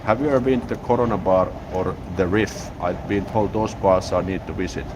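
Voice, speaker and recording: Deep-voiced and Finnish-accented, a laid-back YouTube live streamer talks a little fast as he reads viewer comments outdoors close to a city train station. He rambles and restarts often, and the gimbal-mounted phone picks up clear street noise.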